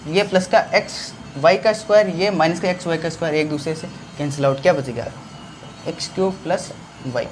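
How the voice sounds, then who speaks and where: A man's voice: a little high, a little fast, slight background noise. A male maths teacher explains a school algebra problem step by step, asking questions and answering them himself. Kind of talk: blackboard maths lesson.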